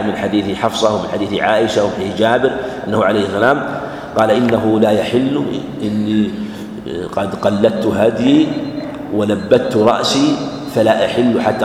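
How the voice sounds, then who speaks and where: A man's voice: medium pitch, a little hiss or hum. Man teaching in echoey hall. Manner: measured, repeats phrases for emphasis, clears throat. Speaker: Islamic scholar teaching a hadith class. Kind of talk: religious lesson commentary. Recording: echoey hall with faint ambience.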